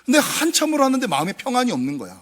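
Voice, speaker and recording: A man's voice: extremely high pitch, wildly swooping pitch, racing, a bit bright. A man preaching a Sunday sermon as senior pastor, telling a story with acted voices and chuckles.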